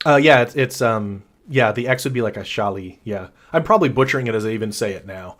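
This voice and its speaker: A man who designs tabletop games, chatting casually through a livestream Q&A with frequent ums and a relaxed, rambling manner. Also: mid-range voice, fast. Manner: enthusiastic about his characters.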